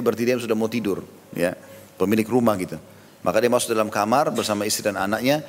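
A man giving a religious sermon, telling stories and acting out the dialogue of the people in them. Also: medium pitch. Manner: storytelling, acting out quoted dialogue. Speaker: preacher. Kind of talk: Islamic sermon. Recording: long reverb.

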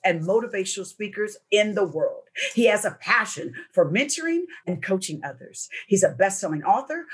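Effusive woman hosting an interview. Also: medium pitch. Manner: lively and effusive. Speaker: talk show host.

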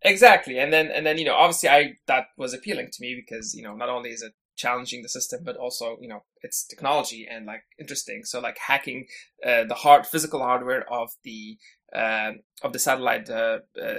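Telling casual stories in a podcast interview, a man from Syria who is head of engineering chats along with many fillers and restarts. His voice is mid-range, a bit bright, and a little fast.

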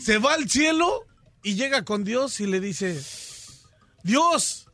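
A man with a Mexican accent co-hosting a comedy radio show, telling jokes in slang with animated acted voices. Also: sits high, measured pace, dry recording, faint music behind. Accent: Mexican Spanish.

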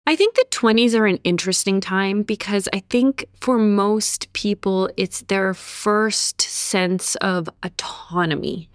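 A woman's voice: mid-range voice, a little slow, hardly any pauses, dry recording, studio quality. A woman from Bosnia who later moved to Canada, speaking as an interview guest in an articulate, reflective, conversational way, often illustrating points with everyday examples. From born in Bosnia, raised in Serbia and Canada. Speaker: interview guest, author and therapist.

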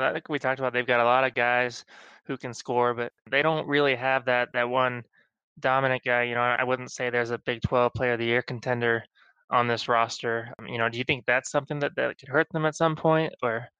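A man's voice: mid-range voice, fairly even intonation, brisk, pushed and bright, clean tone, no echo, dull audio. A man hosting a casual sports interview, laughing often and asking long questions. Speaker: sports podcast host.

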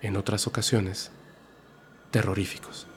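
A man hosting a podcast, narrating a horror story in a slow, dramatic way that drops soft for suspense. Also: on the low side, level tone, a little hiss or hum. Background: faint music.

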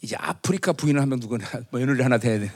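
A man's voice: medium pitch, animated, quick pace, a little hiss or hum. A middle-aged man preaching a Christmas sermon as pastor, chatty with his congregation, often asking them to agree, and acting out boastful proclamations. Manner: conversational, teasing the congregation with tag questions; acts out loud proclamations in a raised voice.

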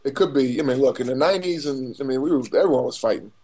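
A man's voice: medium pitch, fast, dark tone. A middle-aged man from the Bahamas, a former player co-hosting, telling stories in a laid-back, rambling way. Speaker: former pro player and co-host. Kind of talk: casual sports chat.

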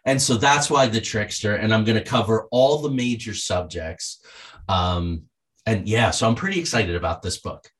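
A man being interviewed as a guest author, talking in a lively, storytelling way and acting out the voices of people he quotes. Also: lowish voice, moderate pace.

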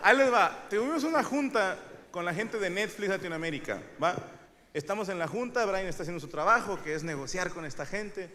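A middle-aged man with a Mexican accent doing a stand-up comedy monologue, crude, rambling and self-mocking, with sudden loud shouts. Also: high-pitched, expressive, fairly quick, in a large hall. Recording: noisy live stage recording. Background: audience laughter.

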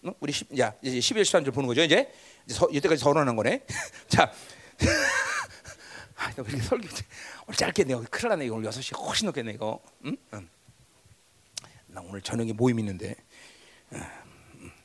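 A middle-aged man preaching a sermon as pastor. He fires rhetorical prompts at the congregation and swings between loud declarations and hushed asides. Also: medium pitch, sing-song, fast talker, husky.

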